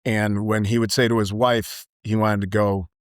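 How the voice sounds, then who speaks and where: A man's voice: fairly low pitch, little pitch movement, moderate pace, clean tone, no room sound, studio quality. A middle-aged man, a podcast guest, reflecting and telling stories in an earnest, conversational way. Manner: reflective storyteller, warm and earnest. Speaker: guest, business owner and author. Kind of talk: casual chat.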